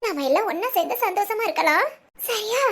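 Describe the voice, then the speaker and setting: Woman voicing a young pregnant wife, very high-pitched, rapid, pleading, anxious, cartoon. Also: expressive, a bit bright, full character voice. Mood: worried. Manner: pleading, worried, fast questions. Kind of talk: cartoon family drama voice acting.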